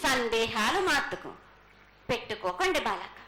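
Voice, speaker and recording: A woman's voice: on the high side, very animated, moderate pace, sharp tone. A woman delivering an oracle's prophecy in a chanting, declamatory trance manner, speaking as a mother goddess with commanding reassurance and repeated phrases. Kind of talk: oracular prophecy at a temple festival. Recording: echoey, noisy live event sound.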